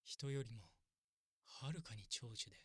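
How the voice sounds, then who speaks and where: A man playing a kindly, long-lived elf priest in an ASMR role-play, very polite, soft and measured. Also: mid-range voice, breathy edge, no echo, studio quality. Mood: reflective, sad.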